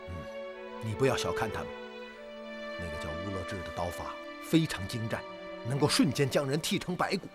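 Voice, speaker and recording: An actor playing a bold young male officer who interrogates a captive and gives steady commands in a period TV drama. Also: fairly low pitch, brisk. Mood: steady, commanding. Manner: menacing when interrogating, steady and commanding otherwise. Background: music score.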